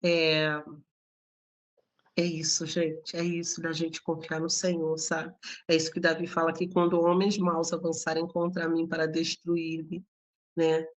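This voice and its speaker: A woman host with a low voice offers devotional encouragement to the women listening. Her delivery is earnest and prayerful, and her pitch stays steady and flat. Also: a little slow.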